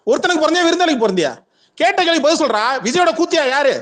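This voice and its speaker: A man's voice: very high voice, lively intonation, rapid-fire, a bit bright. A man hosting a heated argument in a live online audio room over a phone mic, aggressive, taunting and profane.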